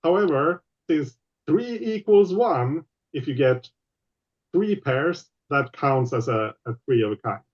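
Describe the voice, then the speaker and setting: Male game master on an online call, patient and halting, muffled lo-fi sound. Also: a little high, expressive. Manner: explains rules patiently with many pauses. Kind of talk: running a tabletop game online.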